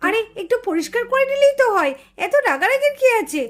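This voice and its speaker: A woman voicing a calm neighbor mother in a doll show, reasoning with and gently chiding a quarreling woman. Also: very high-pitched, fast talker.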